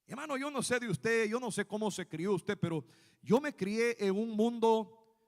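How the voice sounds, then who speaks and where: A man from Guatemala preaching a sermon as pastor, animated and speaking straight to his listeners as brothers. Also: sits high, normal speed, big-room sound. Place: church sanctuary.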